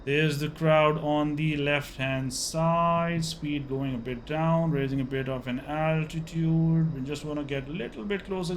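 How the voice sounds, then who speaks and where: Male sim pilot doing airshow commentary, measured slow delivery, clipped running narration, noisy background. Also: fairly high pitch. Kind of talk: live commentary while flying a flight simulator.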